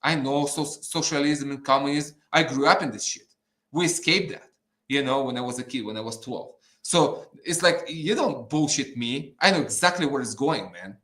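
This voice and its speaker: This guest, a petition campaigner from Ukraine with an Eastern European accent, has a mid-range, slightly bright voice at normal speed. His impassioned conversational rant is blunt and fired-up, full of swearing and repetition, and the sound is roomy and echoing.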